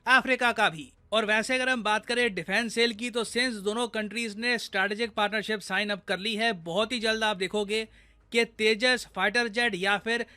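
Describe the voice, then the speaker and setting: Bright, high-voiced Indian man explaining news. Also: steady tone, moderate pace. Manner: conversational, addresses viewers directly. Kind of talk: explainer commentary on foreign affairs.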